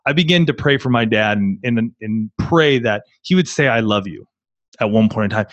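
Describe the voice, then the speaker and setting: A man's voice: fairly low pitch, expressive, normal speed, dry recording. Earnest guy coaching couples on a live call, repeats himself a lot, dry dull audio. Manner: earnest, storytelling, repeats words. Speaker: marriage coaching co-host. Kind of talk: live online coaching session.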